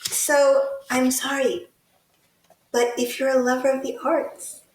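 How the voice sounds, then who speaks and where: Woman host from Texas, higher voice, slow and pointed, echoey room, a bit off-mic. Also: flat delivery, recorded from a distance, a little hiss or hum. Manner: deliberate, pointed, sarcastic criticism. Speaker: podcast co-host. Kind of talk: casual political commentary. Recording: roomy sound, set back from the mic.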